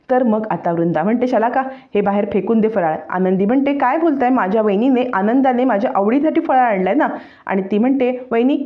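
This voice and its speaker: Woman telling a tv serial story, voices all the characters, fairly high voice, dull muffled sound. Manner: animated, switches between narration and character lines. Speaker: serial recap narrator. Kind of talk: dramatic story retelling with voiced dialogue.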